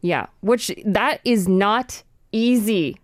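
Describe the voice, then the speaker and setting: A woman's voice: mid-range voice, lively intonation, slow, dry recording, clean studio sound. A woman from Canada, chatting as a guest about her voice acting work, upbeat with frequent fillers. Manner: upbeat, laughs often, lots of fillers. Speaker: guest voice actor and presenter. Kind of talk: casual radio interview.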